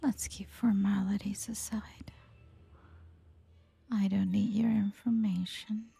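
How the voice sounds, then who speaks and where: A woman's voice: fairly high pitch, fairly even intonation, measured pace, creaky, dark tone, husky, soft background music, heavily acted. A woman voicing a cold, devoted female cult follower in a whispered role-play, curt and formal.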